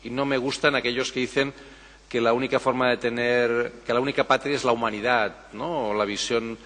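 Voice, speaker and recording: A man's voice: medium pitch, steady tone, brisk, a bit bright. Man musing in an echoey hall. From Catalonia, Spain. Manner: thoughtful, tags phrases with "¿no?", frequent restarts. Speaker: political science professor, conference speaker. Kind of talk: conference Q&A answer. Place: conference hall. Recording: reverberant conference hall.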